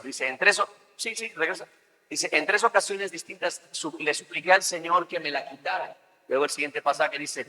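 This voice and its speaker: Conversational pastor in a reverberant hall. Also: male voice, on the high side, pushed and bright. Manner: conversational, acts out everyday scenes. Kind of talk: sermon. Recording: long reverb of a large hall.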